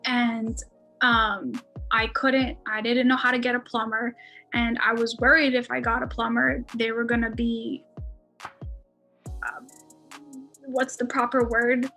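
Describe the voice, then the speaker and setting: A woman's voice: fairly high pitch, little pitch movement, unhurried, pauses often, sharp tone, soft background music. A young American woman in her twenties, a podcast guest telling a story in a casual, chatty way with lots of fillers and frequent laughs. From United States.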